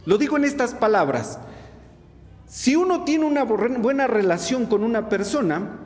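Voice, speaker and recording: Man preaching, high voice, very lively pitch, long church-hall reverb. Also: moderate pace. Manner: preaching with rhetorical questions to the congregation. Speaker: pastor. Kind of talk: sermon.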